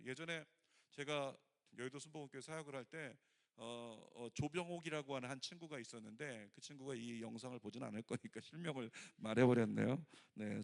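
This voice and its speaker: A middle-aged male pastor preaching a sermon, telling a story with lively acted-out quotes. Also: mid-range voice, gravelly. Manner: animated storytelling, acts out quoted voices.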